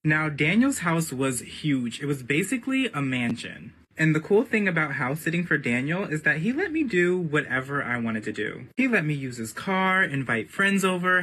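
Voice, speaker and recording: A young man telling a suspenseful storytime in a lively way. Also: a little high, breathy edge. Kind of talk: casual storytime.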